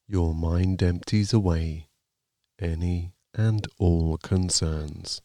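A man narrating a guided sleep meditation like a sleep story, in a calm, soothing, gently measured manner. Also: deep voice, dry recording, clean studio sound.

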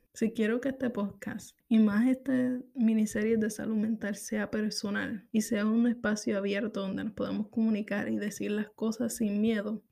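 Gravelly-voiced Puerto Rican woman podcaster. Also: on the high side, dark tone. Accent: Puerto Rican Spanish. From Puerto Rico. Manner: candid, reflective, repeats phrases. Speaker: podcast host. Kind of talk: personal monologue.

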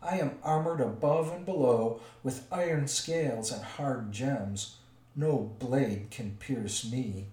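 A man doing a booming, gloating old dragon. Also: warm tone, far from the mic, lightly acted. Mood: snapping. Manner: booming, slow, menacing. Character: ancient boastful male dragon, huge, gloating and vain. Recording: echoey room, voice set back from mic.

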